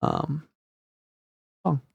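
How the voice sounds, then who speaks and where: A man's voice: drawn-out words, lo-fi sound. A man in his thirties co-hosting a casual music review chat, laid-back and rambling with fillers. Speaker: podcast co-host.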